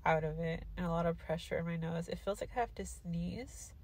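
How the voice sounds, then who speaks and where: A young woman vlogger talks briskly in a slightly mellow, lower-pitched voice, filming herself on a phone at arm's length in a parked car. It's a laid-back recovery vlog: she's nasal and stuffed up after sinus surgery and groggy, loopy from her medication.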